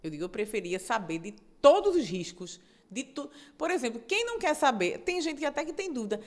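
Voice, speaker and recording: A middle-aged woman judge, a guest in a conversational interview, explaining in an animated way and often checking in with tag questions. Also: sits high, a little fast.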